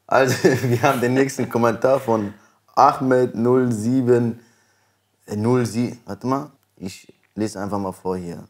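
A young man hosting in casual slang, haltingly searching for words as he goes. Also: mid-range voice, fairly even intonation. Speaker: host reading out comments.

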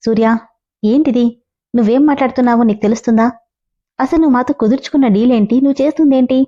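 A woman voicing a sharp, demanding young lawyer who speaks firmly and questions hard. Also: on the high side, fast talker, dull audio, close to an everyday voice. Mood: stern. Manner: firm, questioning.

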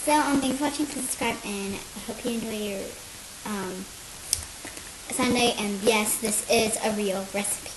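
A woman's voice: fairly high pitch, normal speed. A female host chatting through a casual cooking demonstration at a kitchen table, hesitant with frequent ums. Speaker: host of a home cooking video. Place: home, at a kitchen table indoors. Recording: noisy home camera recording.

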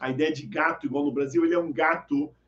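Lively high-voiced man teaching. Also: quick pace, roomy sound, lo-fi sound. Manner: lively, joking, reads chat names aloud. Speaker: Arabic teacher hosting a live class. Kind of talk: live online lesson, chatty.

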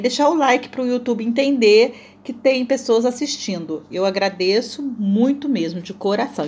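A woman's voice: medium pitch, a little mellow, slight background noise. A woman from Brazil with a Brazilian Portuguese accent, narrating her cooking video in a chatty, playful, self-mocking way and addressing viewers often. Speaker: cooking vlogger.

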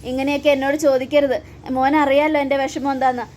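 A woman's voice: high voice, level tone, fast talker, a little mellow, slight background noise, lightly acted. A woman voicing a middle-aged mother who pleads and frets over her guilt. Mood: pleading. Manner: pleading, self-pitying.

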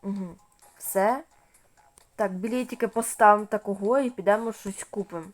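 A woman voicing every part of a toy game role-play, speaking softly as she switches between cashier, parent and child. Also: mid-range voice, moderate pace. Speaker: channel host playing all parts.

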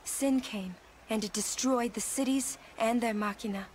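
An actress playing a gentle young woman summoner who speaks in a soft, solemn way. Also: on the high side, moderate pace, a little hiss or hum, natural voice.

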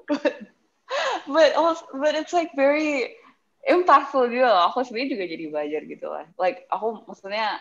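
Speaking through a face mask on a video call from a public area, a young Indonesian-accented woman casually hosts an online workshop, switching between languages in a chatty, informal way. Her voice is a little high and a little fast. The audio comes across dull and muffled.

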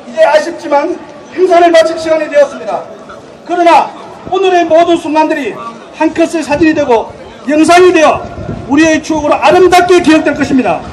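A man doing booming, projected announcements at an outdoor event. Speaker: event speaker and prize announcer. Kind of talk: public address at an outdoor event, calling out speech and raffle numbers. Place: outdoor school sports ground. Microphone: stage PA, picked up by distant camera. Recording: distant outdoor loudspeaker, crowd noise.

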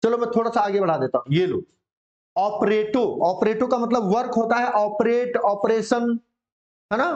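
A man's voice: very high voice, normal speed, darkish tone. A male English vocabulary teacher, drilling words with students in a casual, encouraging coaching-class manner. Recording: dull lo-fi sound.

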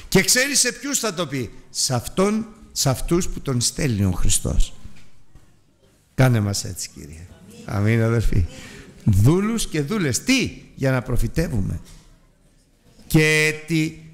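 A man's voice: mid-range voice, very animated, long pauses. A man preaching a Sunday sermon, emphatic, asking rhetorical questions and drawing out key words.

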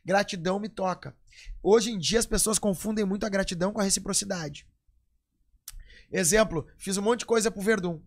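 Gaucho guy in his 40s, gravelly and kinda high voice, preachy coach chatting on a podcast. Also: brisk. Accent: Gaúcho, Rio Grande do Sul. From Porto Alegre, southern Brazil. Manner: emphatic, preachy, acts out quoted voices. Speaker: jiu-jitsu coach, podcast guest. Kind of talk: casual podcast chat.

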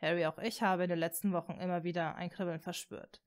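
A woman reading a fan story aloud, voicing a gentle, tentative blond teenage boy wizard in a soft, hushed voice. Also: lowish voice, little pitch movement, fast talker, voice pushed down, close to an everyday voice.

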